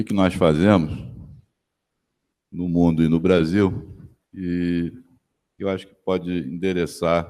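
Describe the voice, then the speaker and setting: A man with a Brazilian Portuguese accent giving a conference presentation on stage, pausing often and restarting phrases. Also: a bass voice, a little mellow. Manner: halting, many fillers and restarts. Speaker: panel speaker, company executive.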